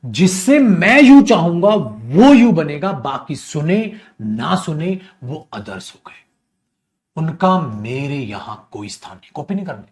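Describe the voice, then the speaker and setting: A man's voice: on the high side, sing-song, takes it slowly, a little mellow. A man teaching an online grammar class, calling his students "my child" and repeating his key points.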